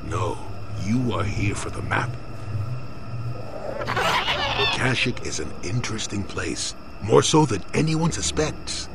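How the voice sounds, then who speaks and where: An actor playing a gruff, wry old hermit in a video game, speaking in a sardonic, evasive and theatrical way. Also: male voice, fairly low pitch, very animated, measured pace, heavy background noise, full character voice. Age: older. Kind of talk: video game dialogue acting.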